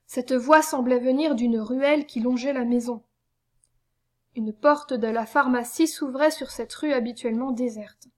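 A woman reading a story aloud in measured, solemn narration. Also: sits high. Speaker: reader. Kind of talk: audiobook narration.

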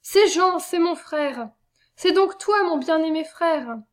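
A woman's voice: very high-pitched, animated, slow, voice pushed up, full character voice. Woman voicing a fervent young nun. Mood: anguished. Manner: fervent, pleading, raised voice.

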